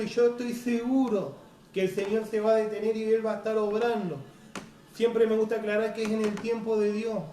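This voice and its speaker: A male preacher, giving an earnest, unhurried sermon that keeps asking "right?". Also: high voice, darkish tone. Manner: earnest, unhurried, frequent "right?" tag questions. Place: church hall. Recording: echoey hall, distant mic, faint noise.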